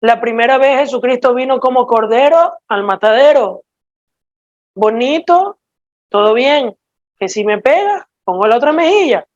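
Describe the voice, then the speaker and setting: A woman's voice: a little high, lively intonation, measured pace. A woman with an Ecuadorian accent preaching a sermon in a direct, emphatic, scolding way to a church congregation. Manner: emphatic, direct and scolding, with sudden swings in loudness. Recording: dull lo-fi recording.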